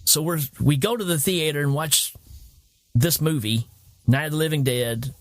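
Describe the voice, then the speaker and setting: A man from Tennessee with a Southern accent, chatting as a podcast host. His voice sits fairly high, and he tells stories with energy, slipping into the voices of the people he quotes. The sound is dry and close. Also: normal speed, no room sound. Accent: Tennessee Southern American. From Tennessee, United States. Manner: animated storyteller, acts out quoted voices. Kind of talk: casual storytelling chat.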